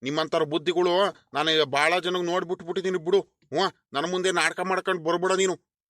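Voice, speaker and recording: A grumbling, scolding village landlord in a cartoon, voiced by a man, proud and easily offended. He talks with a high voice. The sound is close and dry. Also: steady tone, brisk, fairly bright tone, no room sound. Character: proud grumpy middle-aged male village landlord.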